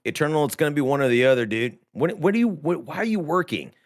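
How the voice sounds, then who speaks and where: A man's voice: fairly high pitch, lively intonation, quick pace. A man hosting a casual gaming stream, rambling and laughing as he chats. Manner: rambling, laughs often, drawling asides. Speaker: stream host.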